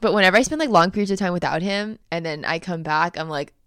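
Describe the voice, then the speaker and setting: A woman's voice: on the low side, fast, fairly bright tone, clear, resonant tone, no room sound, studio quality. A young woman hosting a casual podcast interview, giggly and chatty, a little drowsy from allergy medicine. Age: young adult. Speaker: podcast host.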